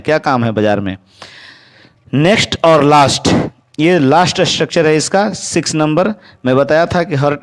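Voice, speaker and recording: Male English teacher, slightly high and very clear voice, explains step by step and slows right down to dictate examples. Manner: explains step by step, asks and answers his own questions. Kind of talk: spoken English grammar lesson.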